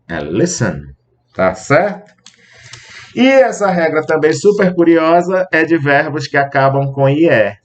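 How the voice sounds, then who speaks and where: A man teaching an English grammar class, explaining patiently, spelling out letters and repeating example sentences slowly. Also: medium pitch, highs cut off. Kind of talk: recorded grammar lesson.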